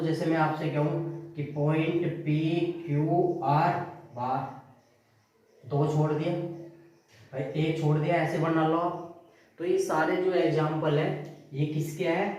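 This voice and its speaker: Male math teacher, fairly high voice, lecturing. He poses questions and answers them himself, heard from a distance. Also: darkish tone. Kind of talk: classroom math lesson. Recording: very echoey room, mic far off.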